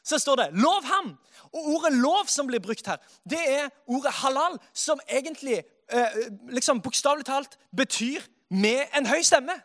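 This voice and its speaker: A man preaching a sermon in a lively way, dropping soft and then rising to loud exclamations. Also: very high voice, hardly any pauses.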